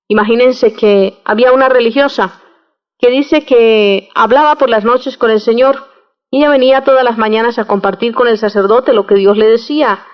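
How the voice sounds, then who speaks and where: A religious sister giving an earnest radio sermon, questioning listeners directly and telling a little joke. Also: female voice, a little high, dull audio.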